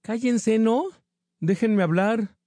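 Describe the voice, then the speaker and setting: A loud, shrill girl who demands to be heard, voiced by a man. She pushes high and sharp over a dark, mellow timbre. The sound is dry and close. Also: slow, creaky, dry recording, heavily acted. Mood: bossy. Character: young girl, loud and bossy.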